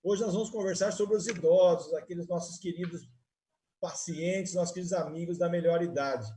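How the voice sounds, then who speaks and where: A man's voice: high voice, steady tone, normal speed, dark tone. A man who hosts a live online interview and talks in long friendly runs with restarts. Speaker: host. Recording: live video stream.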